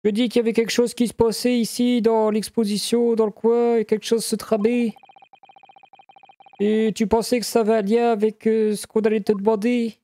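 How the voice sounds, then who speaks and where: Man doing a high, bright-free puzzled young man. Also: level tone, moderate pace, lightly acted. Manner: hesitant, questioning reading. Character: polite, puzzled young man in a detective game. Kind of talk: amateur live dub of a video game. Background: game music.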